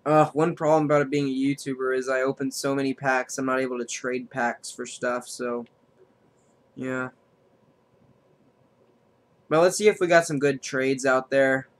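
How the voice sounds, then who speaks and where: A man streaming a card game, thinking aloud about his moves and counting damage out loud as he plays. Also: mid-range voice, little pitch movement, normal speed, pauses often. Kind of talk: live gameplay commentary.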